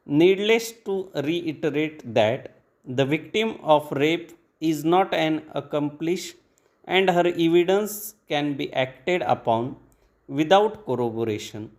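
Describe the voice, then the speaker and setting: A man dictating formal legal text for shorthand practice, reading in short measured phrases with pauses between them. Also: fairly high pitch, lively intonation.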